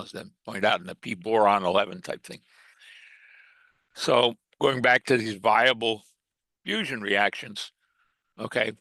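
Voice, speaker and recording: A man giving a technical lecture to a hobby group, hesitant, with many fillers and restarts and frequent throat-clearing. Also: on the low side, sharp tone, dry recording. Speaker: technical presenter. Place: meeting room.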